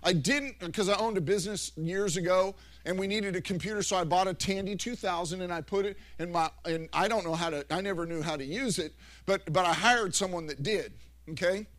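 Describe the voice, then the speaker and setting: A middle-aged man preaching a sermon through animated stories, with frequent restarts and self-corrections. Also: high voice, fairly quick. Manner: rambling, animated storytelling with many restarts. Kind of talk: anecdotal sermon.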